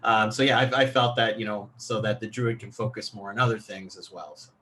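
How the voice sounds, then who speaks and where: A man who plays tabletop games, chatting casually about his play in a polite, hesitant, measured way. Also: fairly low pitch, fairly even intonation, bright, forceful tone. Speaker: tabletop game player. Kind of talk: casual interview-like chat.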